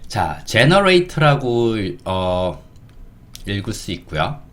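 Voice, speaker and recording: A man teaching a casual spoken lesson as an English teacher, slow and drawn out, often checking in with the listener. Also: lowish voice, sing-song, fairly bright tone, slight background noise.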